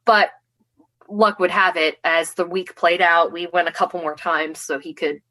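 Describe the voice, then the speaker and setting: Upbeat low-voiced woman athlete. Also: fairly even intonation, moderate pace, bright, forceful tone. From United States. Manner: chatty and upbeat, frequent laughs and restarts. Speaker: guest, armored combat athlete. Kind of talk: casual interview.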